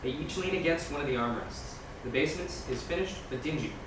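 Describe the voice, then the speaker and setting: Reading stage directions aloud, a man with a fairly high-pitched voice moves briskly through screenplay scene descriptions as scripted narration. He sits some way from the mic, in a very echoey and noisy room.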